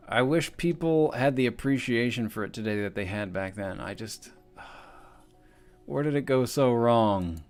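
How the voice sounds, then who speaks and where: A man's voice: mid-range voice, creaky. A young man chatting casually on a livestream while animating, rambling and swearing often.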